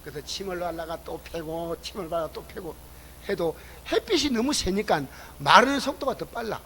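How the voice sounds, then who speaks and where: A man preaching a sermon at a church service. He questions the congregation and swings between loud exclamations and low asides. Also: expressive, normal speed, husky, rough recording. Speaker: pastor.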